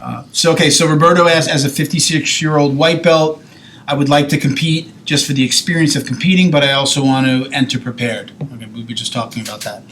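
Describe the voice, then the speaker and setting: A man's voice: medium pitch, steady tone, fast, fairly bright tone, slight background noise. A man in his forties hosts a casual podcast with an ordinary mid-range voice. He wanders through his points, restarting and correcting himself, and tosses questions to his guests. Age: 40s. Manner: rambling, self-correcting, asks questions. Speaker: podcast host. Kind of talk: casual chat.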